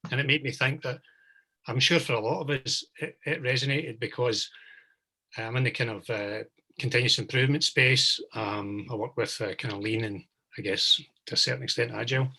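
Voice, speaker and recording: A man asks a guest speaker a question at an online meetup. His voice is bright and forceful with a husky edge. He is polite and thoughtful, building up his point at length. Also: medium pitch, steady tone, normal speed. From Glasgow, Scotland. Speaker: meetup attendee asking a question.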